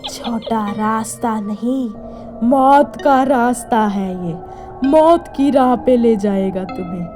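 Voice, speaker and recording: A woman voicing a vengeful ghost woman with a half-burned face, who makes loud, shrieking threats. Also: on the high side, slow pace, pitched above the performer's own voice. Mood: menacing. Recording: loud background music.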